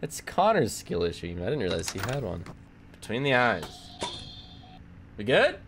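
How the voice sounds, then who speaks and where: A man's voice: on the low side, wildly swooping pitch, normal speed, fairly bright tone, a little hiss or hum. A man streaming a video game, commenting casually, joking with chat and laughing often.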